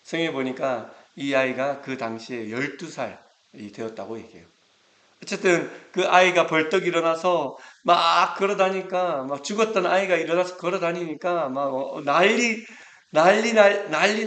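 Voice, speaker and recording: A man's voice: medium pitch, a bit bright, reverberant. A male pastor giving a Sunday sermon, retelling a Bible story in a casual, conversational way. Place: church sanctuary.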